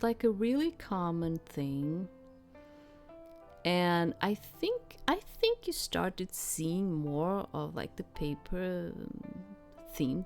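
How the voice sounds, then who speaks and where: A woman's voice: lowish voice, vocal fry. A woman streaming a mystery game, not a native English speaker, chatting in a rambling way and reading the narration. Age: adult, grew up before handkerchiefs went paper. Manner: rambling, lots of "like" fillers.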